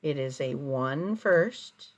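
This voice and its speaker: A woman teaching young children like a kids show host, in simple phrases with prompting questions and deliberate, sing-song counting. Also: deep voice, lively intonation. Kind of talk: early-grade counting lesson, addressed to children.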